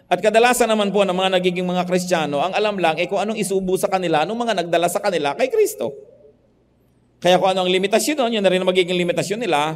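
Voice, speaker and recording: Preaching man in a reverberant hall. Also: high-pitched. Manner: preaching in Tagalog mixed with English, swinging from soft to emphatic. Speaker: pastor. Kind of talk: sermon.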